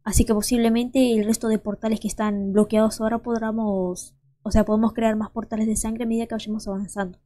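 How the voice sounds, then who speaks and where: A woman's voice: on the high side, flat delivery, quick pace, warm tone. A young woman, hosting a let's play and chatting to viewers as she thinks aloud. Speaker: gaming channel host.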